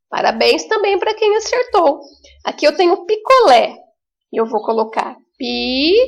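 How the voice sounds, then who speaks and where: Brazilian teacher lady talking to little kids, high gravelly voice, stretches words out slow and sing-song. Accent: Brazilian Portuguese. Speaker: primary school teacher. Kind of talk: remote lesson for young children.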